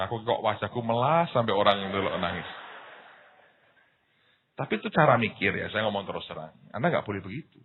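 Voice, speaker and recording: An older man preaches with a Javanese accent, his husky voice swinging widely in pitch as he tells stories and acts out both sides of conversations. The sound is thin and tinny, like a phone line. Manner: animated, switches into Javanese, acts out dialogue. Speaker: pastor. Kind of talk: sermon with storytelling.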